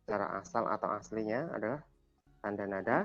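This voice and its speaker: A man's voice: lowish voice, a little fast, a bit bright, highs cut off, faint music behind. A man teaching a language class over a video call, quizzing students and patiently repeating their answers. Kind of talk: online class lesson.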